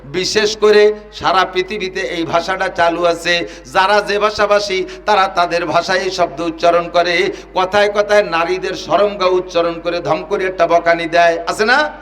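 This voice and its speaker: A man preaching a Bengali waz sermon with a Bangladeshi accent, telling scenes dramatically, rising to shouts and chanting Arabic verses. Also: steady tone, moderate pace. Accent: Bangladeshi Bengali, Gopalganj region. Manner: dramatic, swings between low storytelling and high shouting, chanted Arabic.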